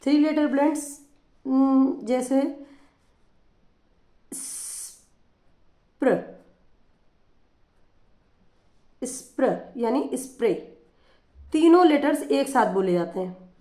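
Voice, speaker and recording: A woman's voice: sits high, measured pace, warm tone, roomy sound. A woman teacher explaining phonics in a patient lesson, repeating examples as she goes.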